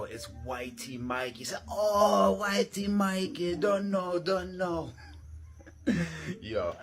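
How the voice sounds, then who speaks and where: A man tells an anecdote with energy, acting out each voice in it. His voice sits mid-range, with faint noise behind him. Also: medium pitch. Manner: animated storytelling, acting out quotes.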